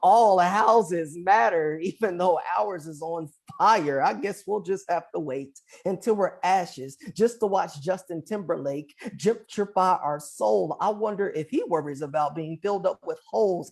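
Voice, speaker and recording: This is a man with a high, gravelly voice reciting spoken word poetry. His delivery is earnest and emphatic, like a live open mic performance. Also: measured pace, hardly any pauses, darkish tone.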